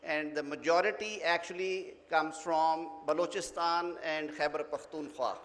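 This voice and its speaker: A man's voice: on the high side, steady tone, a little slow, fairly bright tone. A man with a Pakistani accent hosts a formal conference in a courteous, ceremonious way. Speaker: conference host. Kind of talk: formal event hosting. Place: large conference hall, podium. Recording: echoey hall with long reverb.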